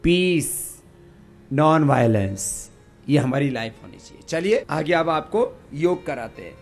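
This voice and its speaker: A man teaching a yoga class, leading slow chants and having the group repeat after him. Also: fairly high pitch, animated, faint music behind. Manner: slow, drawn-out chanting and call-and-response teaching. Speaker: yoga instructor.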